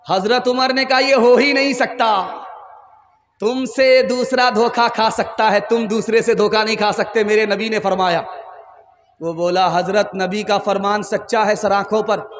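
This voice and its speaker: A man's voice: extremely high pitch, big-room sound. A man preaching a humorous sermon, telling anecdotes and acting out their dialogue, now and then singing verse lines. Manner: animated, acts out dialogue, breaks into sung verses. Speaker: Islamic preacher. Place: large gathering.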